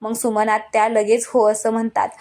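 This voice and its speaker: A woman's voice: a little high, monotone, normal speed, a little mellow. A woman casually retelling a TV serial episode in a chatty way, speaking straight to her viewers with frequent asides. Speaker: TV serial recap narrator. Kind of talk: casual storytelling recap.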